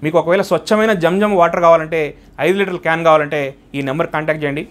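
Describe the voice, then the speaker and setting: Brisk, high-voiced man teaching religious phrases. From India. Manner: brisk, listing points in order. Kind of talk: instructional talk to camera.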